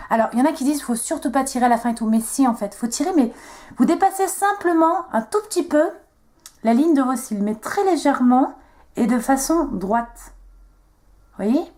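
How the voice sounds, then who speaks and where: A young woman with a high-sitting, darkish voice chats casually through a makeup tutorial, making jokes at her own expense. This beauty vlogger is chatty and self-mocking, guiding viewers through every step.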